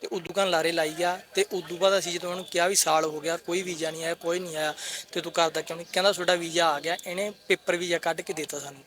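A man's voice: a little high, flat delivery, very fast, fairly bright tone. A man with a Punjabi accent recounting step by step, in a matter-of-fact way, how he was cheated. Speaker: fraud victim interviewee. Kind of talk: recounting events to reporter.

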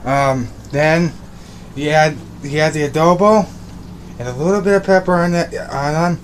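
A man's voice: a little high, moderate pace, slight background noise. A young man vlogging casually as he cooks at home, upbeat and rambling, repeating his words, filmed on a phone held at arm's length. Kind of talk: casual cooking vlog. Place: small home kitchen and bedroom indoors. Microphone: phone camera at arm's length.

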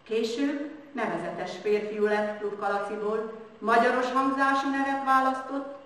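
A woman's voice: on the high side, a bit bright. A woman reciting a story earnestly and dramatically at a commemoration, recorded from a distance. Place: large hall at a village celebration. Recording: echoey hall, distant mic, faint noise.

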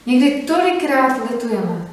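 A woman interpreting a sermon phrase by phrase, fluent and steady with brief hesitations, also reading scripture aloud. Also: high-pitched. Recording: echoey hall from far off.

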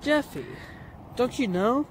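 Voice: medium pitch, animated, takes it slowly, slight background noise. A performer voicing a laid-back superhero who gives fumbling, preachy advice. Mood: casual. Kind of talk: fan puppet video acting.

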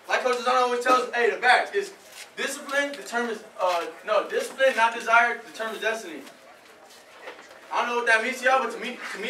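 A young man, a football player, giving an earnest, halting pregame pep speech to his team. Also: extremely high pitch, pushed and bright. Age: young adult. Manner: halting, peppered with "hey". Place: indoor locker room. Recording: echoey, distant camera mic, faint noise.

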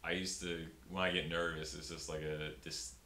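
The speaker, a young stand-up comedian, has a very deep voice with a flat, sharp delivery at a moderate pace. He chats informally in an interview, repeatedly restarting and filling pauses. Recorded in a small room before a pink backdrop by a fixed upper-body camera, the audio carries room echo and faint hiss.

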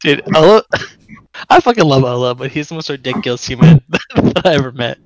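A man's voice: on the high side, expressive, fairly quick, no echo, poor audio. A young man in a casual chat who swears a lot and laughs through his stories.

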